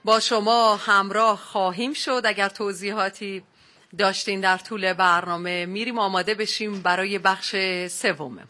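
A woman's voice: medium pitch, steady tone, pushed and bright. A woman radio host, upbeat, prompting her guest with questions and short replies. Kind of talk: radio show hosting.

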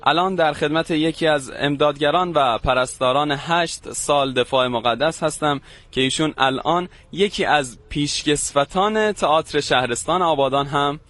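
A man's voice: a little high, a bit bright, no room sound. Courteous male radio reporter. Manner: polite, courteous, formal greetings. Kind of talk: formal radio interview.

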